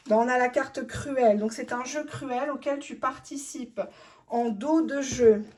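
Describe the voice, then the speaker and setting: A woman's voice: on the high side, a little hiss or hum. A woman giving a blunt, cheeky tarot reading straight to the viewer, voicing the partner's thoughts in first person. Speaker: tarot reader.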